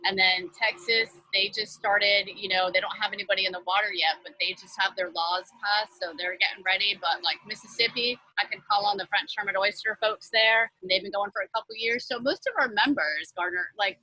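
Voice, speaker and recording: A woman's voice: mid-range voice, fairly quick, few pauses, bright, forceful tone, no echo, poor audio. A woman talking as a guest on a video call from her front porch office, chatty and upbeat with lots of fillers. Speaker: guest, nonprofit leader. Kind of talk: casual interview chat.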